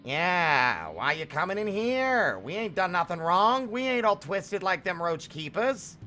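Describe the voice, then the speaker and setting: A man voicing a gruff, rustic male bug villager in a video game, talking in a blunt folksy dialect. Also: mid-range voice, a little fast, a bit bright, lightly acted. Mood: grumbling. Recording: game music behind.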